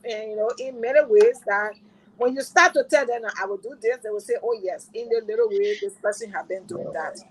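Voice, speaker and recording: A woman's voice: on the high side, rough recording. A woman with a Liberian accent speaking earnestly as a political analyst on a panel, repeating herself and asking rhetorical questions. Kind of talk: panel discussion.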